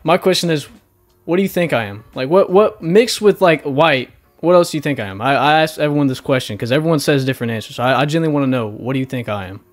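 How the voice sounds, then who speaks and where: A man's voice: a little high, lively intonation, quick pace, soft background music. Rambling Southern man chatting. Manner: rambling, talkative, easily sidetracked. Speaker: dating show contestant. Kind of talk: casual voice chat.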